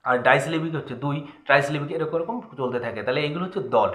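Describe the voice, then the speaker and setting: Bengali-accented young male teacher, crisp and bright, asks and answers his own questions, echoey room. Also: fairly high pitch, quick pace. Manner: asks the students questions and answers them himself. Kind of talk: grammar lesson.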